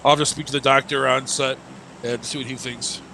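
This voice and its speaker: Through poor, gravelly audio, a man with a mid-range voice briskly casts a live esports match while steady game noise runs behind him. He's sick, and his stuffed nose makes him sound nasal as he rambles and jokes, full of fillers and restarts.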